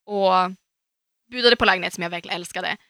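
Podcast co-host, woman from Umeå: animated storyteller, bright tone, dry close sound. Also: lowish voice, dry recording. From Umeå, Sweden. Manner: lively storytelling, acts out quotes, swears casually. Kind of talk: casual chat.

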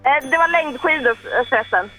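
A woman's voice: high voice, lively intonation, sharp tone, soft background music, low-quality recording. A teenage girl taking part in a radio quiz, answering with short, confident replies. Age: teens. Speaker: quiz contestant. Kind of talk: casual radio chat.

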